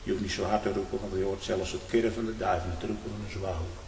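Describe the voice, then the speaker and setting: A man preaching a fiery sermon, swinging from loud outbursts to hushed low tones and often adding a questioning "hm?". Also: fairly even intonation, fast talker, creaky, a little hiss or hum. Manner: fervent, often adds a questioning "hm?". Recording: echoey hall with long reverb.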